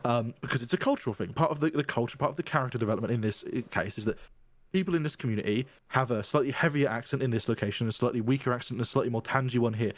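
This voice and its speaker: Podcast host, man of middle pitch, talks it through in long stretches, dead-dry recording. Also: racing, no echo. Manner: explains at length, checks in with "right?". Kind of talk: casual podcast discussion.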